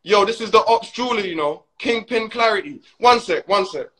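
A man ranting and mocking on a phone Instagram live, excitable and slangy. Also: high voice, a little fast.

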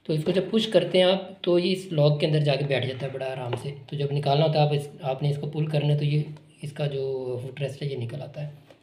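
An online shop demonstrator walks through unboxing and assembling a product step by step, unscripted, talking in a relaxed and repetitive way as he works with his hands at a table indoors. His voice is fairly high and a little fast, and the room is echoey with noticeable background noise.

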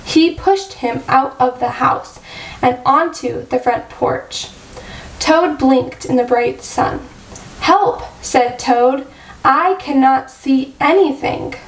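Woman teacher, children's read-aloud, high voice, slow and gentle, echoey room, far from the mic. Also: gravelly. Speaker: first grade teacher. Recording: roomy echo, distant mic.

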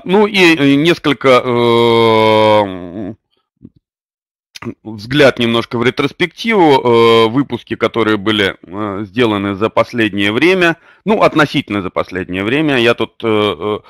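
A man hosting an online webinar, presenting unscripted and pausing often on drawn-out fillers. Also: mid-range voice, animated, fairly bright tone, dry recording, studio quality. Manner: hesitant, many drawn-out fillers. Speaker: webinar host.

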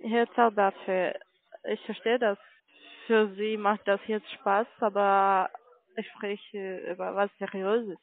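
On a sales call, a woman working as a call centre agent speaks slowly in a level, medium-pitched voice. She is formal and polite yet firm, and the audio has the narrow sound of a phone line.

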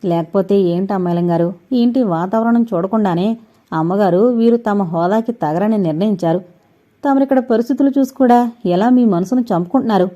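A woman voicing a sharp-tongued, stubborn old grandmother with a blunt, scolding manner in a dull lo-fi recording. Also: mid-range voice, a little fast, lightly acted. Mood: coaxing.

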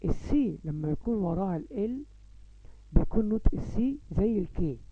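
رجل بلهجة مصرية يشرح درسًا في الصوتيات الإنجليزية لأطفال صغار، ويمدّ أصوات الحروف ببطء. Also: male voice, high voice, animated, muffled recording, background noise. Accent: Egyptian Arabic. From Egypt. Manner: slow, drawn-out sounding of letters. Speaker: English teacher for young children. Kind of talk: phonics lesson.

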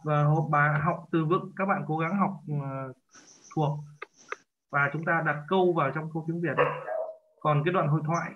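A man's voice: fairly high pitch, fairly bright tone. A male language teacher leading an online class, patiently checking students' answers over a video call. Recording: muffled lo-fi audio with faint hiss.

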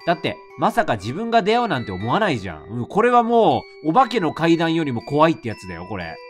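A man streaming a horror novel game, reacting with quick joking asides between reading. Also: fairly high pitch, wildly swooping pitch, faint music behind. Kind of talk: let's play commentary.

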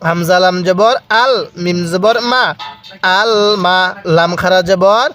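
Brief: high-pitched male Quran reading teacher, patient drill, slow drawn-out syllables for repetition. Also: fairly bright tone. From Bangladesh. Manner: spells out letters and drawn-out vowels slowly, has learners repeat. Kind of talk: step-by-step recitation lesson.

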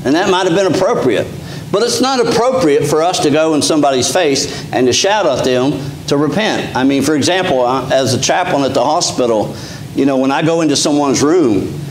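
Standing and gesturing, a middle-aged pastor with an Appalachian Kentucky accent gives a conversational sermon full of restarts and fillers. His voice is a little high and animated, and he talks a little fast. The recording, made indoors in a small church sanctuary, is echoey with a faint hum.

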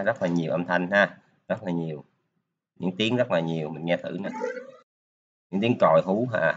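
A male programming teacher talks through a screen-recorded coding lesson in a relaxed, chatty way, dropping filler particles between steps. His voice sits very low, and the sound is muffled and lo-fi like a basic computer microphone, with a little hiss or hum.

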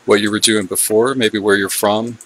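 A man's voice: lowish voice, level tone, normal speed, no echo, poor audio. A man hosting a casual interview, talking in a loose, chatty way with some hesitation. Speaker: podcast host.

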